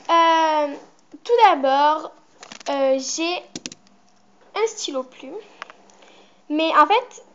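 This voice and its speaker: Teen girl vlogger, high-pitched and rambling, muffled home recording. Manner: chatty, rambling, with many fillers. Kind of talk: casual show-and-tell vlog.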